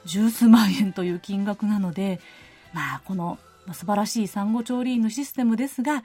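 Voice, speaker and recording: A woman's voice: medium pitch, moderate pace, warm tone, faint music behind. A woman hosting a radio show, chatting in a friendly, easygoing way and reading listener letters in a studio. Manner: friendly, chatty, uses many fillers. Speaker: radio host.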